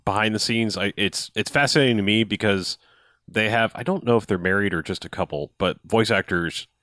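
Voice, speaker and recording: A man's voice: on the low side, brisk, fairly bright tone, dry recording, clean studio sound. A young man chatting casually and enthusiastically about a video game, rambling with restarts and the odd swear. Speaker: podcast co-host.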